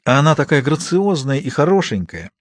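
A man narrating an audiobook in a measured, steady reading style. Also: on the high side, dry recording, clean studio sound. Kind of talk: scripted narration.

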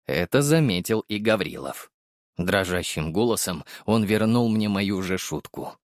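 Guy reading an audiobook in first person, wry and expressive, pitch swinging around, dry close sound. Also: unhurried, no room sound. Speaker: audiobook narrator.

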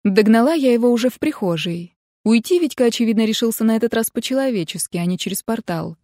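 A woman's voice: a little high, expressive, quick pace, dark tone, dry recording, studio quality. A woman reading first-person narration from a novel, with emphatic delivery of the dialogue. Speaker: audiobook reader.

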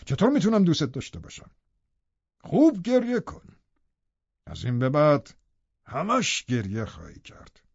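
A man's voice: on the high side, big pitch swings, vocal fry, pauses often, slightly rough, dry recording, pitched above the performer's own voice, heavily acted. A man voicing a cruel, scornful middle-aged captor in an audiobook, speaking in a taunting, cutting way. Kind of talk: audiobook character reading. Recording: dry, slightly dull studio audio.

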